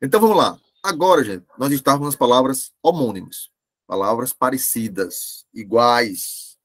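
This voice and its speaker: A man teaches a grammar lesson over a video call. His voice is lively and swings widely in pitch. He slows down and repeats key words so his students can follow. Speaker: Portuguese language teacher. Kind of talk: online class lecture.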